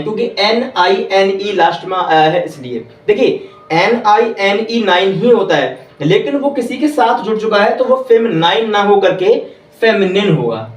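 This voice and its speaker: A man teaching English grammar in a classroom, repeating each point slowly and quizzing the listeners. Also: high voice. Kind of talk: classroom lesson. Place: classroom with whiteboard. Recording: echoey room, voice from far off.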